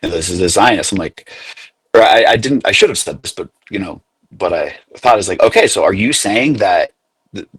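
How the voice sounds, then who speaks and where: A young American graduate student activist, appearing as a guest in a casual interview, speaks in a low, slightly husky voice. He reasons aloud earnestly, often restarting and correcting himself. The low-quality recording is dry, with no room sound.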